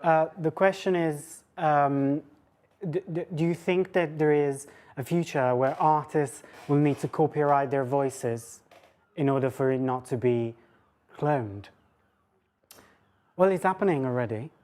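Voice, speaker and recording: A lecturer thinks aloud through her academic talk and audience questions, rambling and making self-deprecating remarks. Her voice sits low and sounds a little mellow and a little slow.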